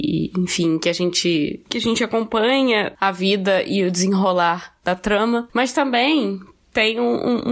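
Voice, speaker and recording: Female co-host, Brazilian, mid-range voice, informal joking chat. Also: medium pitch. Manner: slangy, joking. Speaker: podcast co-host. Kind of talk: casual chat.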